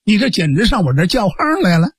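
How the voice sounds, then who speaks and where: A man's voice: high voice, sing-song, breathy edge, no room sound, clean studio sound, heavily acted. Man doing a spirited, scolding young swordswoman. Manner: scolding, brisk. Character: spirited young woman martial artist, bold and proud.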